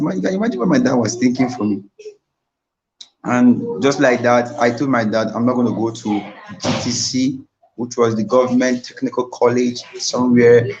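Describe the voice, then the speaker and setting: A man's voice: mid-range voice, a little mellow, a little hiss or hum. Young nigerian guy talking straight to the audience on a live stream, repeats himself for emphasis, a bit muffled. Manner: earnest, repetitive storytelling, addresses the audience directly. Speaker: invited speaker. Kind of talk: live-streamed motivational talk.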